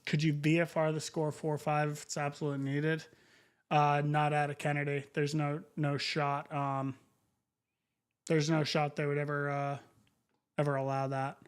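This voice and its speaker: Male livestreamer, casual and profane, higher-set voice with flat inflection, half talking to himself. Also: moderate pace, clear, resonant tone. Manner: informal, muttering, profane. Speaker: streamer.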